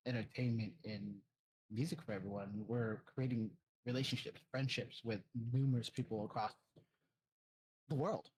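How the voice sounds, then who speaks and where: A man's voice: medium pitch, fairly even intonation, moderate pace, a little mellow, slight background noise, low-quality recording. A man, a DJ guest, talking in a rambling way with many fillers. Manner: rambling, filler-heavy, many "you know"s. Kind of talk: casual chat.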